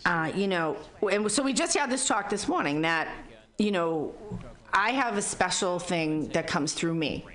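A woman in her fifties speaks in a low voice with a Boston accent. She talks in a conversational, reflective way, candid and earnest, with a blunt streak. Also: animated, unhurried, hardly any pauses, fairly bright tone. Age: 50s. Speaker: interview guest, psychologist and spiritual teacher. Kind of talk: conversational, reflective interview talk.

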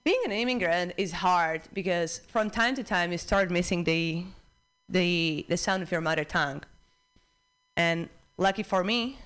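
A young Czech woman delivers a stand-up set on a club stage, her accent plain in every line. Her voice sits on the low side, and she drops punchlines in a dry, deadpan way with small pauses. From Czech Republic. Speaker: stand-up comedian.

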